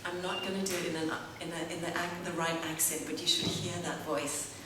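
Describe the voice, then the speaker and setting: A woman's voice: fairly low pitch, fairly even intonation, a little fast. A woman giving an academic lecture, reading from a prepared text and adding spoken asides. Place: lecture hall. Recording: very echoey hall, distant mic, faint hum.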